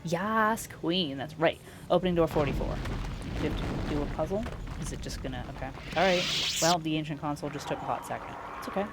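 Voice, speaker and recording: A woman's voice: low voice, fairly quick. A young adult woman casually commenting on a game she plays live, chatty and playful, reading viewer messages aloud. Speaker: streamer. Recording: voice over loud game music.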